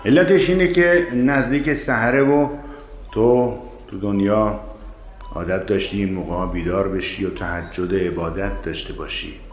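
A man voicing a gentle male spiritual guide who explains softly and patiently in an audiobook drama. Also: lowish voice, soft background music, natural voice. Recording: roomy echo.

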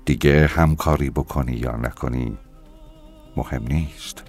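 A man voicing a cruel male interrogator in an audiobook, speaking low and quiet with quiet threats. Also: faint music behind. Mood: menacing. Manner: low, quiet and menacing, ending in a whisper. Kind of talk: audiobook narration with character voices.

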